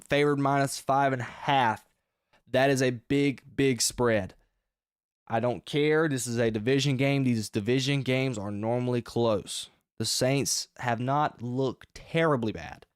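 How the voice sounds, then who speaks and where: A man hosting his own sports podcast, talking through his game picks in a casual, energetic, rambling way with emphatic outbursts. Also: mid-range voice, smooth, no room sound, studio quality. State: short of breath.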